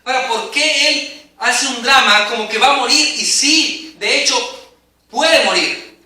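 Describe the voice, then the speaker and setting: A man delivers an emphatic, dramatic sermon, his voice high and piercingly bright. He is recorded from across a room that echoes heavily, so every phrase rings out around him. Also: normal speed. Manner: emphatic, dramatic preaching with rising and falling intensity. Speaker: preacher. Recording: very echoey hall, mic at a distance.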